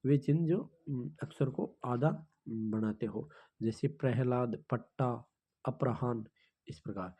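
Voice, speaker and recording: A man's voice: medium pitch, takes it slowly, warm tone, breathy edge. A man teaching a grammar lesson, explaining step by step and counting items aloud, with frequent hums and check-ins. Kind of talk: slow classroom explanation of grammar.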